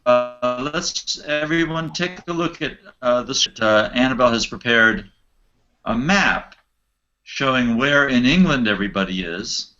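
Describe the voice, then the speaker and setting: A man's voice: mid-range voice, animated, unhurried, sharp tone, soft background music. An American man directing and hosting a play reading over a video call, chatty and encouraging. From United States. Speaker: director and host. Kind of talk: casual directing chat. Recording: dull lo-fi video call audio.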